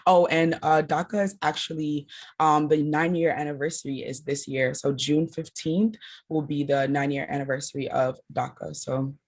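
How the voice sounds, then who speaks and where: A woman's voice: deep voice, fairly even intonation, moderate pace, slightly rough. A woman from Trinidad and Tobago, raised in Washington DC, introducing herself as an organizer on an online panel in an earnest way. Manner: earnest, runs through long lists. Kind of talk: panel introduction over video call. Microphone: video call.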